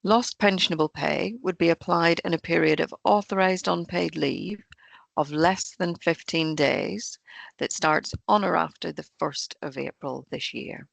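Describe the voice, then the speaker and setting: Over a video call, a woman trains employers on pension rules in an online webinar, her croaky, hoarse voice deeply gravelly and full of fry. She's steady and unhurried, explaining the rules point by point at an even pace. The sound is dry and close, with no room sound or echo.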